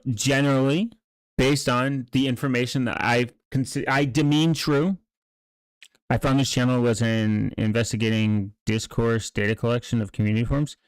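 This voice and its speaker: A man with a mid-pitched voice rambles through casual commentary. He is halting, often abandoning a thought and starting it again. The sound is dry, with no room echo. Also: smooth. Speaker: streamer reacting to online videos and channels.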